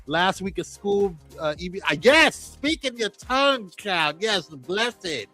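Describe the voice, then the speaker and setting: A man with a high, ringing voice hosts a live-stream show. He greets his viewers by name and banters playfully, and faint music plays behind him. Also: very animated, takes it slowly, pushed and bright. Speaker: host.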